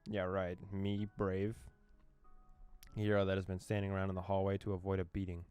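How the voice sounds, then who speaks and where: Reading out a visual novel and translating it as he goes, this young YouTuber who covers games keeps cracking jokes and laughing a lot. His voice is deep, smooth and a little mellow, though the delivery is completely flat, at a moderate pace over faint background music.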